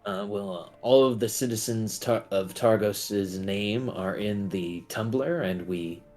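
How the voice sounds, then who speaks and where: Slow, lowish-voiced male game master. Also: a little mellow, soft background music. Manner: halting, deliberate. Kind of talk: improvised tabletop game narration.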